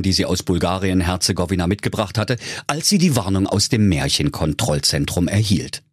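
Husky-voiced male storyteller. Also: sits low, no room sound, clean studio sound. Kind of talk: comic storybook narration.

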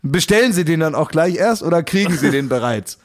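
A man's voice: fairly high pitch, animated, fairly quick. Joking German man in casual chat. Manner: joking, teasing, laughs often. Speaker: podcast co-host.

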